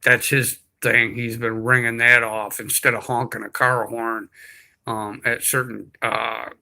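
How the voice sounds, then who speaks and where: A man talking to camera at home, halting, with many fillers and restarts. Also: medium pitch, little pitch movement, creaky, sharp tone, low-quality recording. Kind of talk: casual monologue to camera. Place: indoors at home, beside a window.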